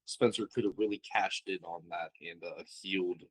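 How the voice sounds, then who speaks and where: A man's voice: deep voice, fairly even intonation, normal speed, slight background noise, rough recording. A man commentating on a card game match, thinking aloud and asking analytical questions about the plays.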